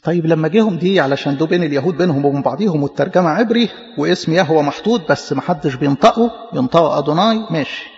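A man with an Egyptian Arabic accent preaches at a quick clip, his voice high and gravelly. He explains with emphasis and stumbles on repeated syllables. The recording is muffled and carries a long hall echo. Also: darkish tone. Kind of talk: sermon teaching.

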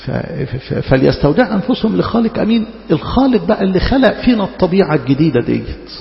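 A man's voice: high-pitched, sing-song, fast talker, gravelly. A man with an Egyptian Arabic accent preaches in a colloquial, conversational way, asking rhetorical questions and repeating words for emphasis. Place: large reverberant hall. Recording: muffled, echoey hall with long reverb.

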